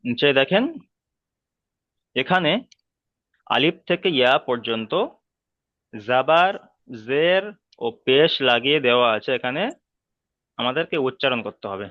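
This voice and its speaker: A man teaching letter sounds in an online class, patient and repeating each rule slowly. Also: mid-range voice, animated, no echo, highs cut off. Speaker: Quran reading teacher.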